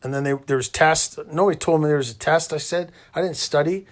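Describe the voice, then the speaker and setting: A middle-aged Canadian man hosts and interviews, rambling casually and colloquially as he tells the story of his own hospital stay. He talks fast, with a fairly high pitch and fairly even intonation.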